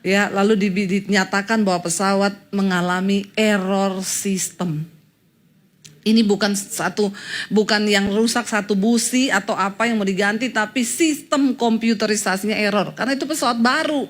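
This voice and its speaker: A woman pastor preaching a sermon and telling a personal story in an animated way, acting out what others said. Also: mid-range voice, normal speed.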